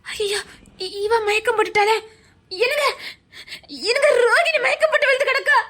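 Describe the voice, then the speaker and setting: An actress plays a frightened wife with a Tirunelveli accent, pleading and asking questions urgently. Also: female voice, extremely high pitch, normal speed, bright, forceful tone. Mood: frantic pleading. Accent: Tirunelveli Tamil. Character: frightened young-to-middle-aged wife, anxious. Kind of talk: village family drama acting.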